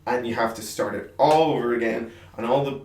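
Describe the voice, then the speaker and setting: A man's voice: medium pitch, a little fast, a little mellow, recorded from a distance. Man slightly off-mic in an echoey room. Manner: chatty, laughs often, swears casually. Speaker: podcast co-host. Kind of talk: casual gaming chat.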